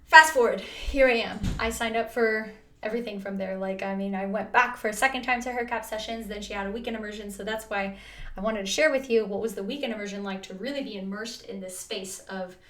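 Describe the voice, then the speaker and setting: A woman's voice: medium pitch, a little fast, sharp tone. Woman vlogger, mid-range voice, earnest chatty storytelling, echoey room. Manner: earnest, chatty, full of "like" and restarts. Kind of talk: personal storytelling. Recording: roomy echo.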